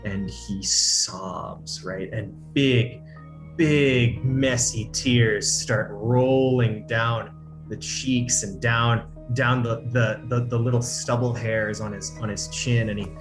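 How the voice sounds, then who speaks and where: Slow male player with guitar behind. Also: medium pitch, fairly even intonation. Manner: halting, emotional storytelling. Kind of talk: in-character narration at a tabletop game.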